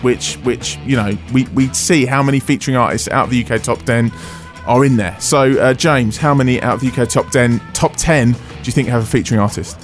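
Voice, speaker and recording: Jokey radio host. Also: male voice, medium pitch, fairly quick, hardly any pauses, faint music behind. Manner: jokey, self-mocking. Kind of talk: casual radio banter.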